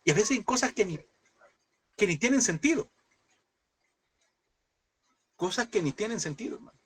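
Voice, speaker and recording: A man's voice: sits high, expressive, normal speed, husky. A man, a pastor preaching a lesson, telling a personal story and fervently calling his listeners brother.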